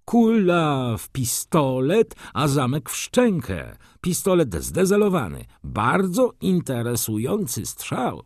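A man doing a pedantic scholar gentleman. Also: fairly high pitch, wildly swooping pitch, slow, few pauses, no echo, clean studio sound, voice pushed up, exaggerated voice. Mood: matter-of-fact.

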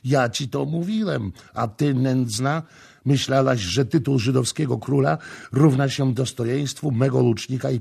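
A man voicing a stern young prince who speaks in a slow, measured, menacing way. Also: medium pitch, creaky, darkish tone, breathy edge. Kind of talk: audiobook character voicing.

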